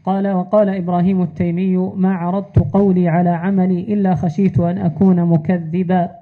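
High, flat-voiced man reading formal text. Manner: measured formal reading, repeats narration formula. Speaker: student reader. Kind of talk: reading classical hadith text aloud. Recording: tinny phone-like sound.

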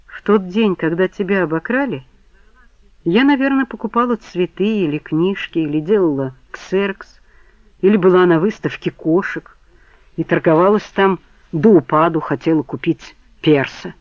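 A male audiobook reader voicing a tired, ironic young woman who answers calmly. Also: high voice, normal speed, dry recording, lo-fi sound, lightly acted. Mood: sarcastic. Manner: tired, calm, ironic delivery. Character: weary, ironic young woman, calm and guarded.

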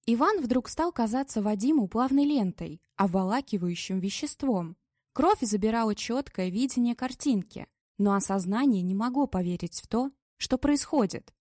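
Audiobook narrator, woman, mellow dark tone, higher pitch, dry close read. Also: animated, moderate pace, no echo. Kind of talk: scripted narration.

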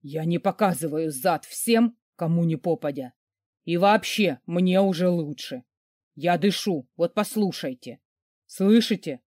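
A woman voicing an arrogant, sarcastic giant of a man who wheezes and rasps through an allergy attack. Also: fairly low pitch, a little slow, darkish tone, dry recording, clean studio sound. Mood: wheezing, mocking. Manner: mocking, insolent.

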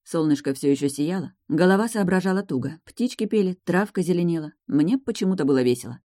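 A woman's voice: lowish voice, lively intonation, fast talker, dark tone, no room sound, studio quality. A woman narrating a first-person fantasy audiobook in a wry, ironic manner.

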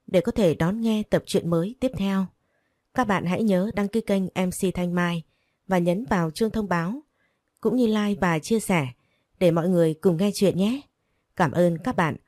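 A woman hosting her own channel, reading a romance novel aloud in calm, steady narration. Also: on the low side, dry recording, clean studio sound. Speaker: storyteller and channel host.

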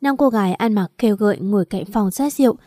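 A woman reads a first-person story in a steady, reflective way. Her voice is mellow and warm. The recording is dry and close, with no room around it. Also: mid-range voice, quick pace, no echo. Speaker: narrator.

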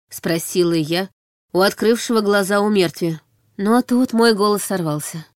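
A woman reading a first-person audiobook in a measured, steady storytelling manner. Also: fairly low pitch, dry recording, clean studio sound. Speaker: audiobook narrator.

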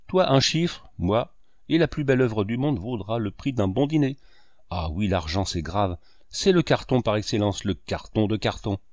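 A man reading an audiobook, voicing a boisterous, sarcastic old man who declaims and breaks into booming laughter. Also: lively intonation, moderate pace, a little mellow, dry recording, natural voice. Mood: mocking. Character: boisterous sarcastic old male painter, mocking.

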